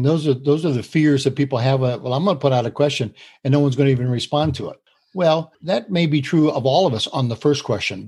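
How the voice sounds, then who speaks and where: A husky-voiced man at an everyday middle pitch talks through ideas with a co-host. He explains in an earnest, steady way and laughs easily between points. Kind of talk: conversational podcast talk on communication.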